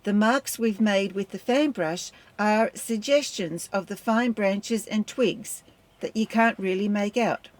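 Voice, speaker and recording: A woman giving a step-by-step painting tutorial in a gentle, unhurried instructing manner. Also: mid-range voice.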